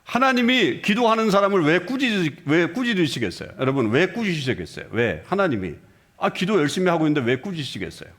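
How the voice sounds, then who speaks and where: Animated middle-aged male pastor preaching. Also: fairly high pitch, quick pace. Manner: asks the congregation rhetorical questions; acts out short dialogues with shifting voices. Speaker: senior pastor. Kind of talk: sermon. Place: church sanctuary.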